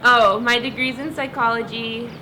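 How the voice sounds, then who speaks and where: A twenty-two-year-old woman answering documentary interview questions in a slow, shy way. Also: fairly high pitch, steady tone, sharp tone, a little hiss or hum. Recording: far from mic with music.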